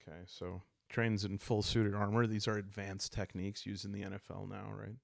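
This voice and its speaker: A man with a low, gravelly voice narrates a solo journaling roleplaying game for relaxation as the show's host, improvising the story calmly. He's soft-spoken and musing, pausing and halting as he thinks aloud. The sound is very dry and close, with no room sound.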